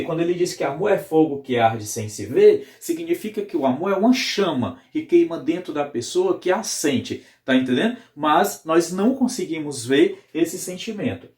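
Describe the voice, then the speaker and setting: A man's voice: a little high, darkish tone, echoey room. A male Brazilian literature teacher giving a recorded video lesson, explaining step by step and often checking in with his students. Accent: Brazilian Portuguese.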